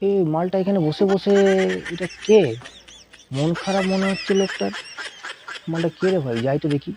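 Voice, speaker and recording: A man's voice: high-pitched, moderate pace, heavy background noise. A young man performing a comic sketch, pleading and whining in some parts and grumbling in others. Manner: pleading and whiny, then grumbling. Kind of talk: sketch comedy, playing several parts.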